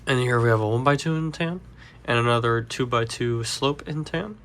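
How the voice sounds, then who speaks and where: A congested man walking through a Lego build step by step, relaxed and rambling with fillers. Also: medium pitch, brisk, slight background noise. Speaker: Lego builder, channel host. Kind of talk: casual build tutorial.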